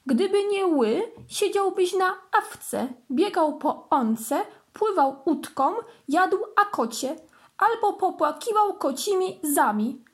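A woman's voice: extremely high pitch, animated, slow pace, voice pushed up, exaggerated voice. A patient old talking bench, as a woman puts it on. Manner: patient, explaining and reassuring. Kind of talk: children's story reading.

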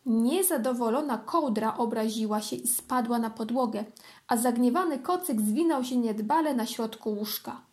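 A woman reading a storybook aloud for children in a gentle, expressive way. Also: a little high, moderate pace.

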